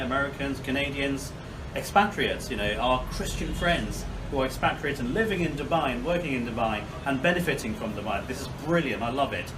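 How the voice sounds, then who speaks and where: A man from Bangladesh giving a measured video monologue outdoors by the sea, pausing often with fillers. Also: medium pitch. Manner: measured, frequent filler pauses. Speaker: commentator. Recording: distant mic with clear background noise.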